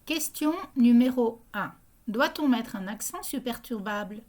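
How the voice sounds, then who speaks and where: A woman hosting a language quiz, reading questions and answer options in a slow, even, scripted way. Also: fairly high pitch. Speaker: quiz host.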